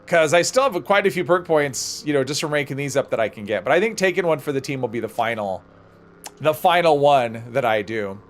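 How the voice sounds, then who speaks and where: Animated man chatting on a gameplay livestream. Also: medium pitch, fairly quick, a little hiss or hum. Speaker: livestream host. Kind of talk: casual gameplay livestream chat, thinking aloud.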